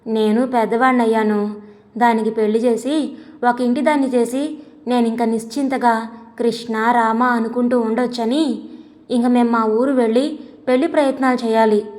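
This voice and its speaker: A woman voicing an elderly, gentle father in an audio story, speaking in a hesitant, polite way. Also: fairly high pitch, steady tone, moderate pace, close to an everyday voice. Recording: long echoey reverb.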